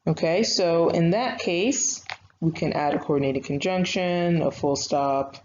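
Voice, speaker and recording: Her voice is lowish, unhurried, and a little mellow. This young writing instructor patiently teaches grammar in a recorded online lesson, keeping it conversational with frequent fillers, over slightly dull, faintly noisy lo-fi audio.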